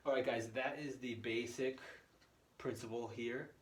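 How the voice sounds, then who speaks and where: A man's voice: mid-range voice, fairly even intonation, measured pace. A man giving an informal, step-by-step tutorial in a conversational way, checking in with the listener as he goes. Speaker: presenter of a gambling strategy tutorial. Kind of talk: informal explanatory walk-through. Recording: echoey room, distant mic, faint noise.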